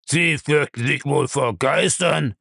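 A man reading aloud and voicing a gruff, menacing old castle owner who grumbles slowly. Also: medium pitch, bright, forceful tone, dry recording, clean studio sound, pitched above the performer's own voice, heavily acted.

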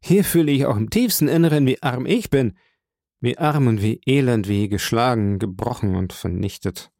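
A man voicing a theatrical, excitable young friend who gushes and wails dramatically in an audiobook. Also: mid-range voice, moderate pace, no room sound, studio quality, close to an everyday voice. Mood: despairing. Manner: theatrical, swings from gushing to wailing.

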